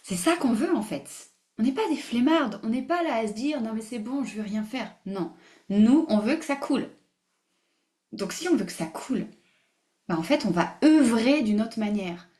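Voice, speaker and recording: A woman hosting a live online masterclass, animated and emphatic, repeating phrases, mixing in English words and laughing often. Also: on the high side, normal speed. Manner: mixes English words into her speech. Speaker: masterclass host. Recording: roomy echo.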